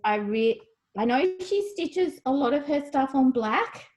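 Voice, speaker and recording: A woman's voice: high-pitched, expressive, unhurried, a little mellow. A middle-aged woman chatting casually as she shows things on a video blog, recorded at home over a video call. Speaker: co-host of a craft video blog. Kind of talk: casual show-and-tell chat.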